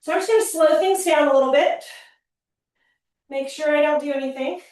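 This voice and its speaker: Breathless high-voiced woman coaching a workout. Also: fairly quick, a little mellow. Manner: upbeat coaching, counting reps, breathless between sets. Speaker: fitness trainer. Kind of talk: workout class instruction. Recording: very echoey room, mic at a distance.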